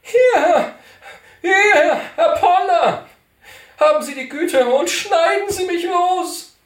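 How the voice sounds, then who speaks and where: A man's voice: high-pitched, sing-song, a little slow, voice pushed up, heavily acted. A man voicing an eccentric, pedantic elderly retired cantor who stammers, in a storybook reading. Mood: pleading. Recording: roomy, distant mic.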